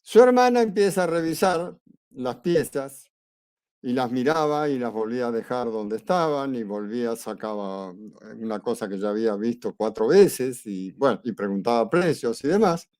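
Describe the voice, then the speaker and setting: A man's voice: medium pitch, moderate pace. A man teaching a class, telling a personal story in a conversational way and acting out the dialogue. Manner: lively anecdote, acts out quoted dialogue; conversational, with fillers and restarts. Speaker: astrology teacher.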